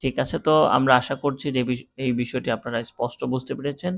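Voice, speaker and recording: A man teaching Quran reading, spelling out letters in a slow, drawn-out drill and then explaining calmly. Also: medium pitch, a little hiss or hum. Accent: Bangladeshi Bengali. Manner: drawn-out, deliberate recitation of letters.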